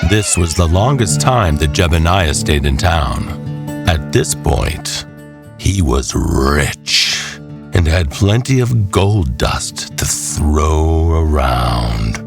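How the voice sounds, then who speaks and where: Speaking in a very deep voice, a storyteller delivers a scripted tale in an animated yet unhurried way. He lingers on each measured phrase for drama, with music plainly playing underneath.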